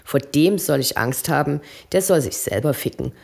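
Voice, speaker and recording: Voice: mid-range voice, moderate pace, close to an everyday voice. A reader voicing a young man who rants in a bar and then backs down. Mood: ranting. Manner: defiant then pleading. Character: young scared male hothead.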